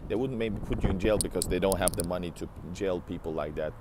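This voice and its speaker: Walking outdoors on a city street by a large building, a weary man in his thirties from Latvia and Finland chats on a live stream. He fast-talks in a low voice against background noise, using a wired earbud headset with his phone at arm's length. As a travel vlogger answering viewers, he rambles casually, keeps restarting, and responds to chat.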